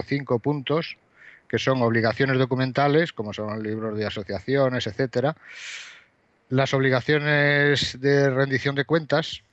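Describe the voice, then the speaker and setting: A man, an advisor guest on a radio chat, calm and agreeable, explaining step by step. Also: medium pitch, dry recording. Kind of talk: casual radio interview. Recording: dry, dull lo-fi sound.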